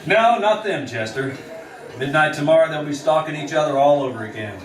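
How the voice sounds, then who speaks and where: An actor playing a weary, authoritative American frontier marshal, dry and steady, in 1950s radio western acting and narration. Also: male voice, on the high side, a little fast, lightly acted. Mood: resolute. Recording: noisy, echoey old radio recording, distant.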